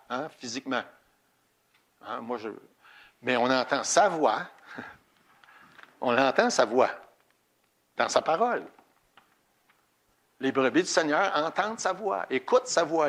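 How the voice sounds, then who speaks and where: A man's voice: medium pitch, a bit bright. A man preaching a sermon in a church, in a plain conversational way with fillers. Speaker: pastor.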